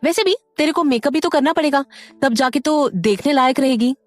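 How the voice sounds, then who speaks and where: A woman's voice: high-pitched, brisk, no room sound, faint music behind, pitched above the performer's own voice, lightly acted. A woman voicing a bossy, joking young male student in an audio story, bantering with his friends.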